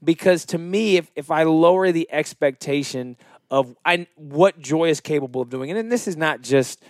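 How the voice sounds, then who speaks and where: A young adult man co-hosting a casual podcast, explaining himself in a measured, earnest way. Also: fairly high pitch, dry recording, clean studio sound. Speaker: podcast co-host. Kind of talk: casual chat.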